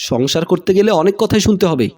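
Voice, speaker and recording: A man's voice: high voice, lively intonation, quick pace, dark tone. A man reading the part of a short-tempered young husband in a storybook tale, in his own voice. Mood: stern. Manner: stern lecturing, read out plainly.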